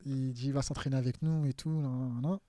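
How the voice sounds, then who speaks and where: A man in his thirties, a footballer guest on a podcast, telling anecdotes in an animated, casual way, mimicking voices and laughing often. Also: medium pitch, fast, no echo, clean studio sound.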